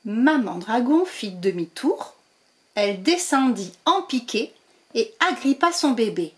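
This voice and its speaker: A woman storyteller reading a children's picture book aloud, with slow, expressive narration. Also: fairly high pitch.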